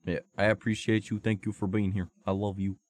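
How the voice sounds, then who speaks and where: A man's voice: lowish voice, level tone, a little fast, darkish tone, no room sound. A young man streaming, with a sore throat and a cough, rambling through a profane casual story full of fillers. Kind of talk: casual chat to stream viewers.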